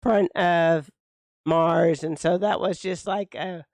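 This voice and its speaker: A woman's voice: lowish voice, fairly even intonation, takes it slowly, a little mellow, no echo. A woman in her late fifties co-hosting a casual couch chat, agreeing and prompting to keep going. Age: 50s. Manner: agreeable, prompting, many mm-hmms. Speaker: co-host.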